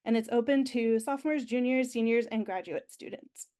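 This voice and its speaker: Still getting over being sick, this nasal-voiced young woman presents an orientation for university alumni relations with eager chattiness and frequent ums. Her voice is a little high, mellow, and delivered at a normal speed.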